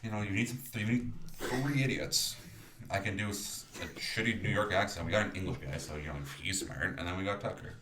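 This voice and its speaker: A man co-hosting a podcast in casual chat, excitable and swearing a lot, often acting out silly voices. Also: on the low side, brisk, echoey room, slight background noise. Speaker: podcast co-host.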